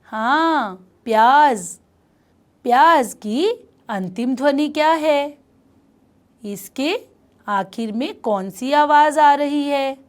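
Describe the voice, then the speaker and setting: A woman teacher giving a phonics lesson to small children, sounding out words clearly and praising them often. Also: sits high, expressive, slow.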